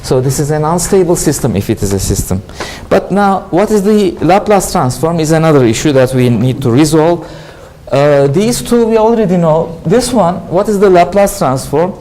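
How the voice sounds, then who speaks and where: A man with a Turkish accent lectures a class in a slightly raised, mellow voice. He keeps asking his listeners questions and then answers them himself. A faint hum of the room sits behind him. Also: fairly high pitch, animated, moderate pace, rough recording. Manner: explanatory, asks and answers his own questions. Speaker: university lecturer. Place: lecture hall.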